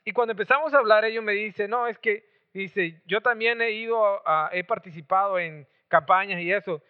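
A man's voice: high voice, fairly quick, clean tone. A man born in Mexico, preaching and telling a story with lots of chatty restarts. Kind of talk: storytelling sermon. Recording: tinny phone-like sound.

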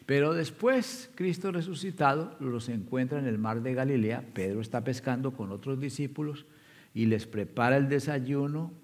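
A man of medium pitch preaches a sermon, walking his listeners through a scripture story and asking them pointed questions. His voice rings out with the long reverb of a large church hall. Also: moderate pace, darkish tone. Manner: storytelling, addresses the congregation directly.

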